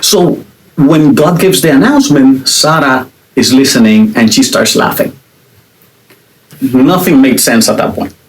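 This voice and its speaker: A man's voice: medium pitch, unhurried, poor audio. A middle-aged man hosting a podcast, giving a casual faith-based monologue with playful asides and jokes. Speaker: podcast host.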